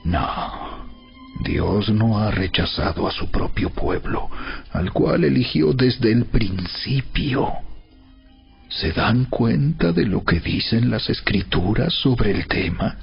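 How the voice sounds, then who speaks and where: A man's voice: lowish voice, expressive, slow pace, creaky. A man giving solemn, emphatic, rhetorical narration in a dramatized reading of scripture. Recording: dull sound with background music. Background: music.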